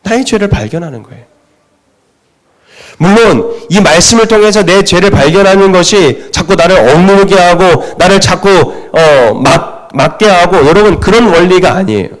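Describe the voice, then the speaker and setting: A middle-aged man preaching a Sunday sermon in a church. His voice sits a little high and swings widely in pitch. He keeps asking the congregation questions and answering them himself. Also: animated, normal speed. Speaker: pastor. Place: church sanctuary.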